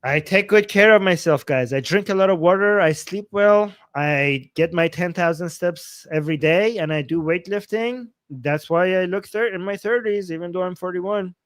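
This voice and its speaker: A man in his forties, hosting a casual livestream, speaks at normal speed in a high-pitched, slightly bright voice with hardly any pauses. He reads comments from viewers and reacts with playful chuckles, repeating himself often. No echo is present.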